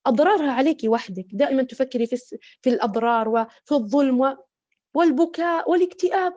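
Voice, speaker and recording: A woman's voice: sits high, lively intonation, fast talker, a little mellow, lo-fi sound. A woman giving an earnest religious talk to women, counselling them with repeated, imploring appeals.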